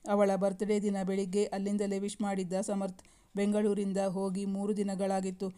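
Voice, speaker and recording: Woman reading a story in a monotone. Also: medium pitch, moderate pace. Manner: steady, even reading. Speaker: story narrator. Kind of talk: scripted storytelling narration.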